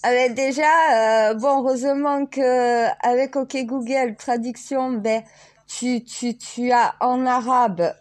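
A woman's voice: on the high side, fairly even intonation, slow pace. A French woman talking casually to viewers in a rambling way, with frequent laughs and restarts. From France. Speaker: self-styled spiritual vlogger.

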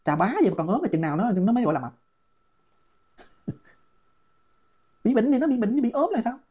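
Mocking Southern Vietnamese woman, rapid rant. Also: a little high, big pitch swings, dark tone, husky. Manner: mocking, scolding. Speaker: online commentator. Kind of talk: ranting commentary.

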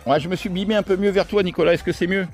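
Operating from a hilltop, an amateur radio operator runs contacts, casually swapping call codes and signal reports in operator jargon. His high voice moves rapid-fire with fairly even intonation, and music plays in the background.

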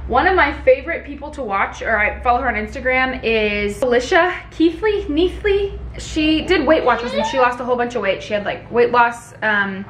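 A woman's voice: fairly high pitch, normal speed, few pauses, fairly bright tone, a little hiss or hum. A woman in her twenties chatting casually to camera in her home kitchen, upbeat and talking with her hands. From Texas. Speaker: lifestyle vlogger. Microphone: camera on a tripod across the kitchen.

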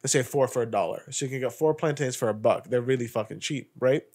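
A young man co-hosting a podcast, an animated storyteller who swears freely. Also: medium pitch, fast. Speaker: podcast co-host. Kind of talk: casual chat.

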